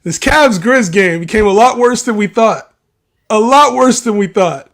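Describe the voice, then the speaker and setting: A man's voice: high-pitched, expressive, moderate pace, fairly bright tone. A man co-hosting a casual sports betting livestream, laughing often and teasing his partner. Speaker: livestream co-host.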